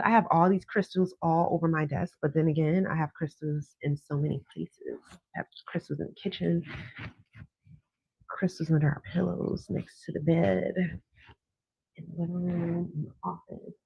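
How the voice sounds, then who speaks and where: A woman's voice: low-pitched, fairly even intonation, normal speed, creaky, slightly rough, dry recording, lo-fi sound. A woman hosting a live call-in as a psychic card reader, chatting casually and drawing out words for emphasis. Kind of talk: casual live-stream chat and card reading. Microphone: phone propped on a desk.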